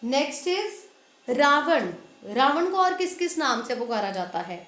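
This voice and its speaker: A woman school Hindi teacher giving a lesson, reading out word lists slowly and stressing each word and its spelling. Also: high-pitched, very animated, a bit bright, roomy sound. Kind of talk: online class lesson.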